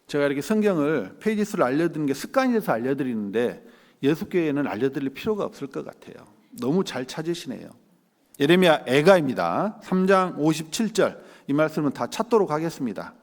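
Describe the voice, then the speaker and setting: Male pastor, fairly high voice that swings up and down, long hall reverb. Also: quick pace. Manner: lively preaching with rhetorical questions to the congregation. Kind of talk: sermon. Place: church sanctuary.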